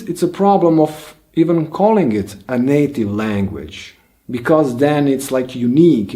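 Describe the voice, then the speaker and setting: In a slow, reflective monologue for the channel he hosts, a man whose native language is Bosnian thinks things through aloud, with frequent fillers and restarts. He has a dark, mellow, mid-range voice.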